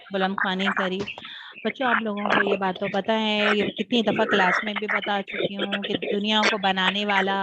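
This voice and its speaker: Lady teacher reading a lesson slow and careful, voice crackling from a bad mic, loud static on the call. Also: mid-range voice, dull audio. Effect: crackling distorted audio from a faulty mic. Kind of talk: online religious class lesson.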